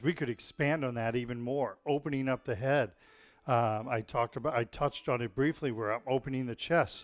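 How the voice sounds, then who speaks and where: A man teaching tai chi in an informal, explanatory and encouraging way, often checking in with his listeners. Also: mid-range voice. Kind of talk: informal spoken class instruction.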